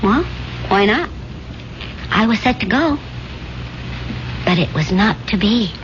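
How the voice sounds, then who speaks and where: In the style of an earnest, reflective 1970s radio drama, an actress portrays a wistful young woman looking back with her sweetheart. She speaks slowly in an animated, medium-pitched voice. The recording is dull and noisy, typical of 1970s radio.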